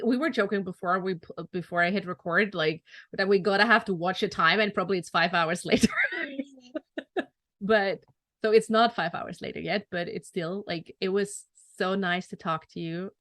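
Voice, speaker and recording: A woman's voice: medium pitch, normal speed, a bit bright, no room sound. A woman hosting a podcast interview, affirming her guest with frequent fillers. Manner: affirming, many fillers like "like" and "mm-hmm". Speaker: podcast host. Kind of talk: casual interview chat.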